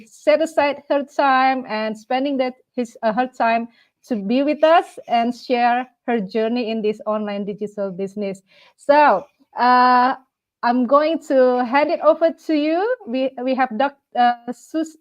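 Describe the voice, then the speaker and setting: A woman's voice: fairly high pitch, a little slow, rough recording. A woman in her forties from Indonesia, hosting a live-streamed talk program, speaking with many hesitant fillers.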